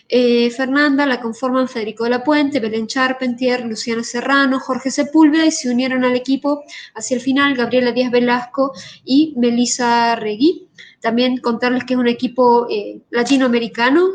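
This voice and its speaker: A woman from Argentina, giving an online conference talk as an artist and researcher, pausing often with fillers and restarts. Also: a little high. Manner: hesitant, many fillers and restarts. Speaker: guest speaker, artist and researcher. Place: home in Brazil.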